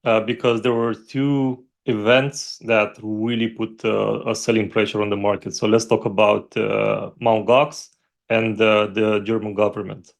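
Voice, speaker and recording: A man co-hosting a casual market discussion, speaking haltingly with many fillers and summing up the other speaker's points. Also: fairly low pitch, little pitch movement, creaky. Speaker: co-host.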